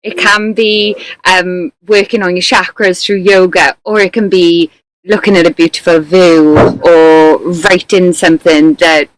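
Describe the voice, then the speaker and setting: A woman's voice: fairly low pitch, little pitch movement, unhurried, dry recording, rough recording. Chatty giggly woman hosting a live show. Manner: chatty and giggly, many fillers. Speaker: host. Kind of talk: casual live interview chat.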